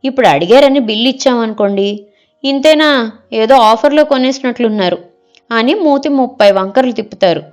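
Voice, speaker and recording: A woman's voice: fairly high pitch, lively intonation, a little fast, darkish tone, faint music behind, close to an everyday voice. A woman reading the part of a picky middle-aged wife in an audio story, scolding and rejecting every suggestion.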